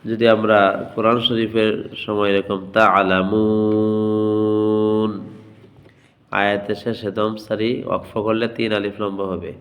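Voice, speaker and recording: A man teaching Quran reading, spelling out letters syllable by syllable and chanting words in long drawn-out tones. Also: lowish voice, in a large hall. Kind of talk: slow spelling-out lesson with chanted recitation.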